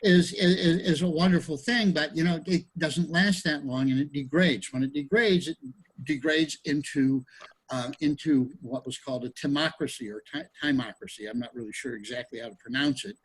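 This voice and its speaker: A man leads a study group over a video call, talking in a loose, rambling way with frequent restarts. His voice sits a little high for a man and has a husky edge. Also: normal speed, rough recording. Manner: rambling, many restarts and fillers.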